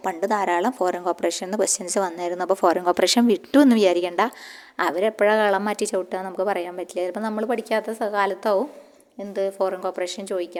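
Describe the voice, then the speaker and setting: Woman teaching exam answers, repeating facts. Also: medium pitch. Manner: repeats key answers, asks and answers own questions, ends with "kettō". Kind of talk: exam-prep lecture. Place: the Malayalam-speaking region of India.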